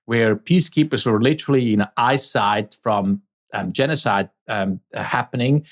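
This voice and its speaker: Speaking at normal speed in a mid-range voice, a middle-aged man from Switzerland answers conversationally as an interview guest. He is a native Swiss German speaker with a matching accent.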